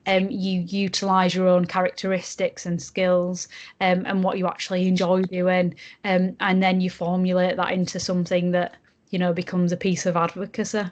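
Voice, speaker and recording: A young woman with a broad Yorkshire accent, explaining things in a casual podcast interview with frequent ums and pauses. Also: on the low side, completely flat delivery. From Yorkshire, England. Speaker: junior barrister, podcast guest.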